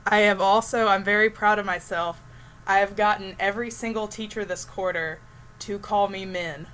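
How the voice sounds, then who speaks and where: A woman's voice: medium pitch, steady tone, normal speed, fairly bright tone, low-quality recording. Friendly young woman streaming. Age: young adult. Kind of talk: casual chat.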